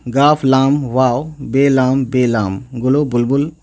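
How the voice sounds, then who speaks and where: Male online tutor, patient and repetitive, spells words slowly and checks in with "guys" and "okay". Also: medium pitch, steady tone, a little mellow. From India. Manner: slow, spells out letters and repeats each word. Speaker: Urdu teacher. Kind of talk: online reading lesson.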